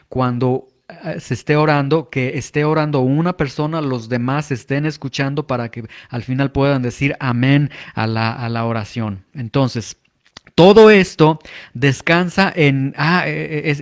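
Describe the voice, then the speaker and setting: A man preaching a teaching sermon, explaining calmly with frequent filler pauses. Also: mid-range voice.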